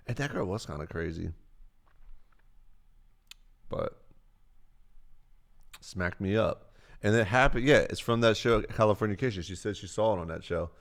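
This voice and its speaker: A man's voice: sits low, gravelly. A man casually chatting on his livestream, reading chat questions aloud and telling stories, swearing freely. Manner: laid-back, swears a lot, reads chat questions aloud.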